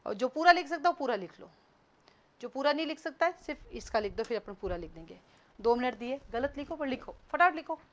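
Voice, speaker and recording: A woman teaching an online class, quizzing students, brisk and scolding, mixing in English words. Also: high voice, animated. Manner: mixes Hindi with English words.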